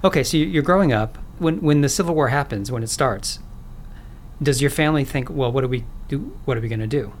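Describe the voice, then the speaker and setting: A man's voice: mid-range voice, brisk, a little hiss or hum. A man hosting a podcast, curious and chatty, with frequent restarts, narrating an intro and then interviewing. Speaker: podcast host.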